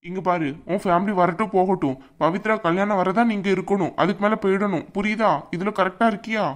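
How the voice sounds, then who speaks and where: A woman's voice: mid-range voice, fairly even intonation, fairly quick, lightly acted. A woman voicing a young husband in a cartoon who blusters and threatens his wife. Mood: blustering. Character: bullying young husband, now cowed. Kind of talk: cartoon voice acting.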